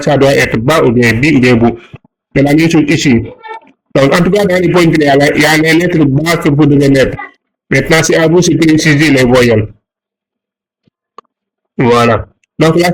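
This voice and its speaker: A man's voice: fairly high pitch, low-quality recording. A man from Senegal teaching an online lesson, patiently repeating and rephrasing each point as he explains the exercises. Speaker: Arabic teacher.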